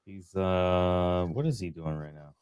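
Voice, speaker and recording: A very deep-voiced man in a relaxed stream chat, upbeat and slangy. He speaks through a computer mic on a call. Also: a little slow, clean tone. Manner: laid-back, motivational, slangy. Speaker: livestream co-host. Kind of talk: casual chat.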